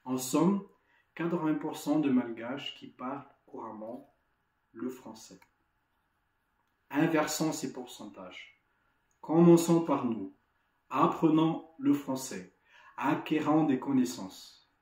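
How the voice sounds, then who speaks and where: Man, Malagasy accent, mellow voice, echoey room, motivational talk, video call. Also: medium pitch, animated, slow, long pauses. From Madagascar. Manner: earnest, encouraging, with frequent restarts and repeated words. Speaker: association delegate giving an opening lesson. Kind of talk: motivational speech to students.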